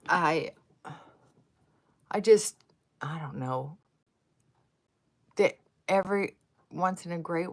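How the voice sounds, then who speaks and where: A woman in her sixties hosts a livestream, chatting casually as she applies her makeup. Her voice sits lowish, and she wanders from tangent to tangent, occasionally sinking into a soft murmur.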